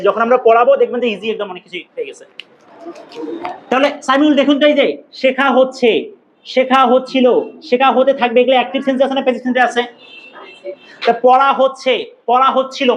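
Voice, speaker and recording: High-voiced man teaching a grammar class. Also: fast, dull audio, a little hiss or hum. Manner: lively, questioning, repeats key points for students. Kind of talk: classroom lecture with questions to students.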